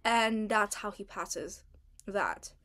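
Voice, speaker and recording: A woman's voice: mid-range voice, slow, fairly bright tone. A young adult woman giving a casual, chatty voice-over about her drawings and characters, in informal, slangy wording. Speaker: artist narrating own original characters.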